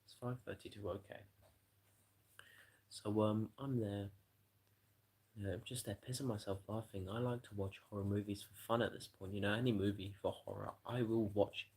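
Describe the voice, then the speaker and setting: Worn-out man with a gravelly low voice. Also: fairly even intonation, brisk, darkish tone, low-quality recording. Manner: tired, rambling, swears a lot, yawning. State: exhausted. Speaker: livestreamer. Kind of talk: casual late-night stream chat.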